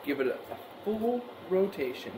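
Heavy background noise surrounds a young man with a high, sing-song voice who speaks at normal speed while hosting a joking cooking tutorial at home. He works and addresses the camera playfully and offhandedly, recorded by a wide-angle camera mic on the counter.

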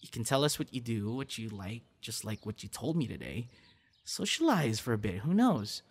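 A young adult man acts out a friendly, coaxing young guy in a one-sided ASMR roleplay addressed to the listener. His mid-range voice swings widely in pitch at normal speed, and he sounds earnest and coaxing, with sighs and breathy reactions.

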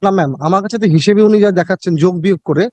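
A man with a Bengali Indian accent answering in court as an election officer, deferential and defensive, with halting repeated words. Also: high-pitched, mellow, no echo. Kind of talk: answering questions in a court hearing.

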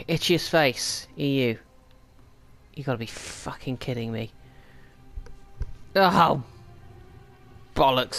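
Excitable, swearing gamer. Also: male voice, medium pitch. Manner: excitable, swears, mutters to himself. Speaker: gaming YouTuber. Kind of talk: let's-play commentary.

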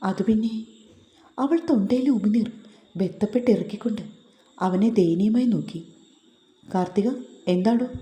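A woman narrating a romance story in a slow, steady reading voice. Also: medium pitch. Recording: roomy echo.

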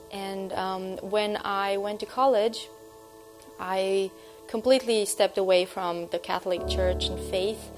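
A woman in her thirties from Romania tells her story to the camera in a slow, measured way, pausing on "um" as she reflects. She is recorded indoors on a lapel mic. Clear music plays beneath her voice. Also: medium pitch. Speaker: church member giving testimony. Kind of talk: recorded personal testimony. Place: indoor room. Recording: music bed underneath.

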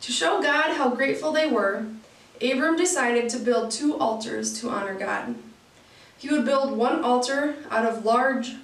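Woman reading a children's story in an echoey room. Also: fairly high pitch. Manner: expressive storytelling. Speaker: story reader. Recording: roomy sound from a distant camera mic.

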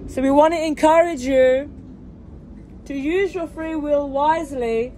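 A woman's voice: unhurried, poor audio. A woman preaching fervently to passengers inside a moving train, with repeated hallelujahs and direct appeals, recorded on a phone. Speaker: street preacher. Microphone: phone camera held by the preacher. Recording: phone audio with loud train noise. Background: train rumble.

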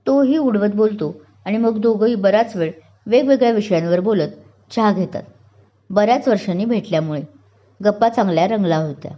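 A woman storyteller reading a love story in a steady, descriptive way. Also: medium pitch, a little fast. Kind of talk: scripted story narration. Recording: dull lo-fi recording.

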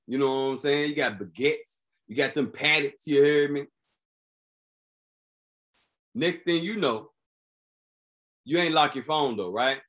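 A man hosting a podcast, riffing on news stories in a casual, comedic, slangy way and constantly checking in with the listener. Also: medium pitch. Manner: animated, slangy, keeps asking "you feel me". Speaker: podcast host.

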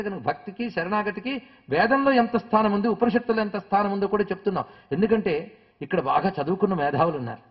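A man giving a devotional discourse who slowly chants Sanskrit verses and then explains them, speaking emphatically and addressing his listeners directly. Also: high voice, dull audio. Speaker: spiritual speaker. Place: hall with a live audience.

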